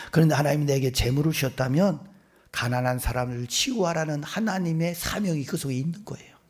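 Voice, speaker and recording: A middle-aged male pastor preaching a sermon, telling stories with acted-out voices that swing from whispers to loud bursts. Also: mid-range voice, slightly rough. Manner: animated storytelling, acting out voices, swinging between whispers and loud outbursts. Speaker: senior pastor.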